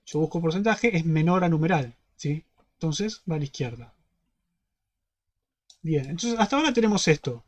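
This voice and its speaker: A man with a fairly high voice and a Rioplatense Spanish accent, walking students through a problem in an online class. He goes step by step and keeps asking whether they follow. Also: animated, normal speed, pauses often. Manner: step-by-step, constantly checking in with "¿sí?". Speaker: university teaching assistant.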